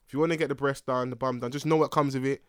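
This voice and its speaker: A man's voice: mid-range voice, fairly even intonation, racing, smooth, dry recording, clean studio sound. A young man with a London roadman accent, co-hosting a podcast in casual, playful, slang-heavy comic banter. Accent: London, urban roadman slang style. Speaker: podcast co-host.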